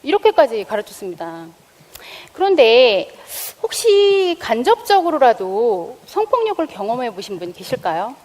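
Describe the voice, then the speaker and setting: Woman health teacher on a lecture stage, bright higher voice, lively pitch, quizzes the crowd; long hall reverb. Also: normal speed. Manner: engaging, asks the audience questions. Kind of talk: public lecture. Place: lecture stage before an audience.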